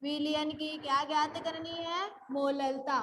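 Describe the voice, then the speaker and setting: Slow, high-voiced woman teacher. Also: flat delivery, long reverb tail, noisy background. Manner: slow and repetitive, asks and answers her own questions; calls students by name and praises them. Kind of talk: online class lecture.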